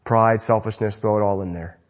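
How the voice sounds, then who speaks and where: A male pastor preaching a sermon in an animated, conversational way. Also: lowish voice, a little fast.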